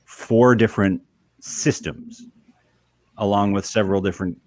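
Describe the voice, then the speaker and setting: A man hosting a casual podcast chat with friends, animated and teasing, laughing often. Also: on the low side, a little slow, no echo. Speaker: podcast host.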